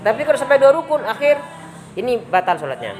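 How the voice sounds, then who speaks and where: A woman's voice: high voice, very animated, fast, darkish tone. A woman teaching a religious lesson at a boarding school, explaining by demonstration and often quizzing her students. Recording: crowd noise behind the voice.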